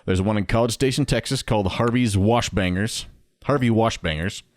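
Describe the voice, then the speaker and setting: Male podcast co-host, 30s, low voice, wry chatty delivery, dry recording. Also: moderate pace, no room sound. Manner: chatty, wry, reads from a list. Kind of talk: casual podcast chat.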